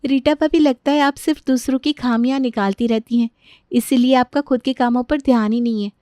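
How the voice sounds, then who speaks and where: A woman's voice: high-pitched, steady tone, a little fast, warm tone, no echo, clean studio sound, pitched above the performer's own voice, close to an everyday voice. A woman voicing an earnest young daughter-in-law in a cartoon story, with pleading, indignant questions.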